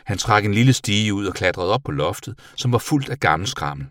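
A man reading a children's storybook aloud with an expressive delivery. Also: lowish voice, no echo, studio quality. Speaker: narrator.

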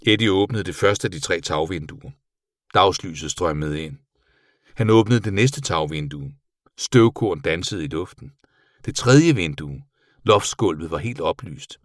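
Low-voiced man reading a storybook. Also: no echo, clean studio sound. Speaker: narrator.

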